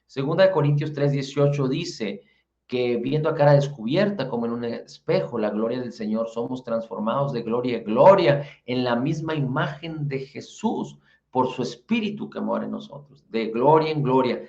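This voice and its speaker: A man preaching a sermon in a calm teaching tone, building his points with repeated lists. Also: medium pitch, moderate pace, gravelly. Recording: echoey, dull lo-fi sound.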